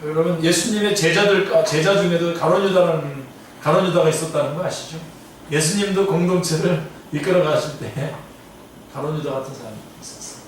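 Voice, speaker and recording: A man's voice: a little high, fairly quick, a little hiss or hum. A man teaching an afternoon Bible study as a pastor, speaking in an earnest, exhorting way. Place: church sanctuary. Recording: echoey church hall from a distance.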